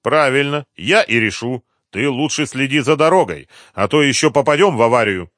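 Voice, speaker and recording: A man voicing a bossy, quick-tempered gang leader in an audiobook, barking orders. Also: mid-range voice, lively intonation, a bit bright, dry recording, clean studio sound, pitched above the performer's own voice, close to an everyday voice. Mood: scheming.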